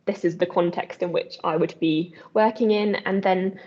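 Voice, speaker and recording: A woman researcher speaks hesitantly through a video call, stopping and restarting her sentences. Her audio keeps breaking up and cutting out. The sound is dull and lo-fi, and her voice has a mellow, dark tone. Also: on the low side, steady tone, moderate pace. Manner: hesitant, many restarts and fillers. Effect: choppy video-call audio breaking up. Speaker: doctoral researcher presenting. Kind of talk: academic presentation answering questions.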